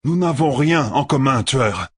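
A man doing a soft-spoken, stern young lord. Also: medium pitch, measured pace, slightly rough, no echo, clean studio sound, voice pushed up. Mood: calm stern. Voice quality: soft and calm. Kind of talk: audiobook character voice.

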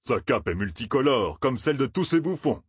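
A man's voice: mid-range voice, very animated, moderate pace, husky, no room sound, studio quality, pitched above the performer's own voice. A man voicing a portly, pompous village mayor with a disapproving tone.

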